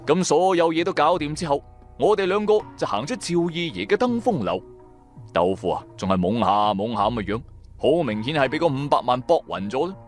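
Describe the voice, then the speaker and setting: A man plays a shrewd, wry trader who narrates his own adventures in a colloquial, sardonic radio-drama style, serving as both narrator and lead character. His slightly high voice is very animated and a little fast, wry in mood, with faint music behind him.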